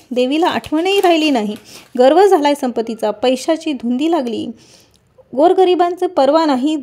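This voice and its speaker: A woman voicing a poor old woman, a goddess in disguise, who scolds loudly in anger. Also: high-pitched. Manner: scolding, loud reproach.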